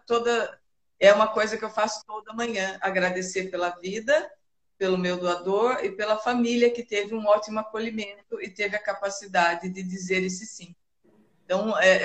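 A woman's voice: medium pitch, echoey room. A woman guest talking in a casual online conversation, emotional and reflective. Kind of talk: casual video-call conversation.

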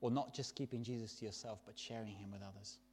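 A man preaching a sermon, stressing words loudly and dropping to soft, hushed endings. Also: lowish voice, fairly even intonation, fast, a little hiss or hum.

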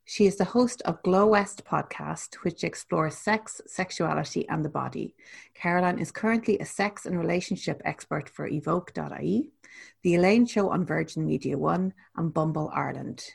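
Woman host with a low husky gravelly voice reading out a guest intro. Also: normal speed. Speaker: podcast host.

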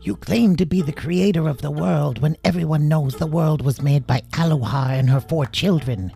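Man voicing squeaky taunting hobgoblins. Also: normal speed, creaky, warm tone. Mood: pompous. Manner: taunting, sing-song teasing. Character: cheeky squeaky hobgoblin gang, mocking and pompous.

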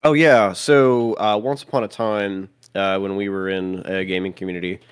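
A man's voice: sits low, steady tone, normal speed, clean tone. A man hosting a casual podcast chat, rambling and circling back on himself. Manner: rambling, many fillers and restarts. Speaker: host. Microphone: voice chat headset.

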